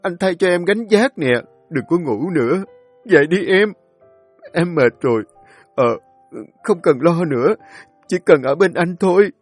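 A man's voice: medium pitch, normal speed, a little mellow, faint music behind, natural voice. A man voicing a grief-stricken young husband who pleads tearfully with his dying wife. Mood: tender pleading. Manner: sobbing, pleading, voice breaking.

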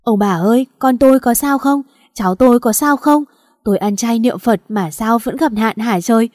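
A woman voicing an older mother who screams scolding accusations in a raised, higher voice. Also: normal speed, dry recording, clean studio sound, lightly acted. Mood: wailing. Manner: shouting, scolding.

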